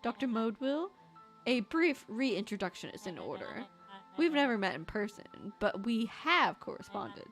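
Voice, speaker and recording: A woman's voice: fairly high pitch, big pitch swings, moderate pace, fairly bright tone, faint music behind. A woman voicing a pompous, condescending boy villain from a video game, delivering a grandiose, theatrical villain monologue. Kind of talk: character voice read for a video game.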